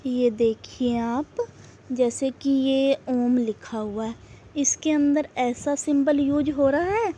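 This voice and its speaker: A high-pitched woman teaching a class, speaking slowly and deliberately. She poses questions to her pupils and then answers them herself. A faint hum of noise sits behind her voice. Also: mellow. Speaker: school teacher. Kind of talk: classroom grammar lesson.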